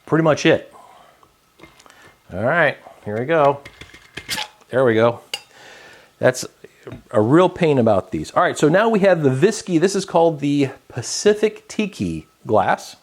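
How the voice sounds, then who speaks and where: A man hosting his own cocktail vlog, explaining a drink step by step in a relaxed, chatty way with many fillers. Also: fairly high pitch, unhurried, long pauses. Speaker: home bartender host. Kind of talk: casual cocktail-making vlog.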